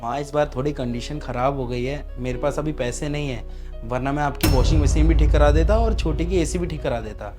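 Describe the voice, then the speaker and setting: A man's voice: a little high, brisk, over music, close to an everyday voice. A man playing a young husband caught between his wife and his mother, earnest and reasoning. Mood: firm.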